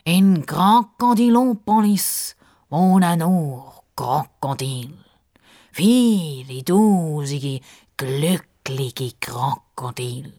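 A woman voicing a pompous, self-important male crocodile who talks slowly and condescendingly. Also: low voice, dark tone, heavily acted. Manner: slow, drawn-out, condescending.

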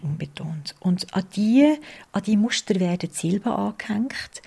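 A woman with a Swiss German accent speaks as a researcher in an interview, laying out her points patiently and step by step. Her voice is gravelly and husky, with a mellow, darker tone. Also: mid-range voice. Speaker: early childhood music researcher. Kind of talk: explanatory interview answers.

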